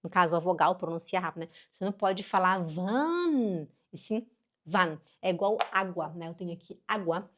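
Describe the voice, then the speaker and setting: A middle-aged woman giving a casual online language lesson, chatty and animated, slowing down carefully to model pronunciation. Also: on the low side. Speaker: German teacher.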